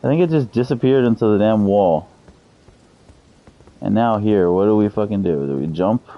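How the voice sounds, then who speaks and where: A man in his thirties chats loosely with viewers while he plays, swearing often. His voice sits very low. The stream audio is a bit dull and lo-fi. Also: expressive, moderate pace. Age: 30s. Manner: profane, loose, chatty with viewers. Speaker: game streamer. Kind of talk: casual live-stream chat.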